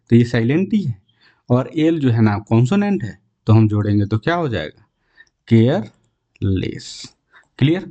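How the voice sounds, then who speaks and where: Mellow-voiced teacher explaining spelling. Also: male voice, a little high. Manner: checks in often with "clear?" and "theek hai", drawls example words slowly; chatty and informal, stops for asides to students. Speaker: English teacher. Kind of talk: Hindi-language spelling lesson.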